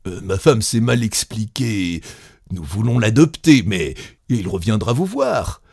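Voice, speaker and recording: A man voicing a well-off husband who explains his offer in a measured, reasoning tone. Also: fairly low pitch, very animated, gravelly, darkish tone, husky, no room sound, clean studio sound, full character voice. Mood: persuasive. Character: well-off husband, calm and persuasive.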